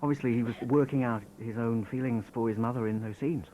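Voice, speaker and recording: A man's voice: mid-range voice, steady tone, quick pace, mellow, slight background noise, low-quality recording. A man giving thoughtful, slightly hesitant commentary in a documentary interview.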